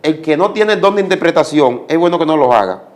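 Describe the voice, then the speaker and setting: A man's voice: on the high side, expressive, fast. A man giving a religious testimony as a guest, speaking like a preacher and repeating commands for emphasis.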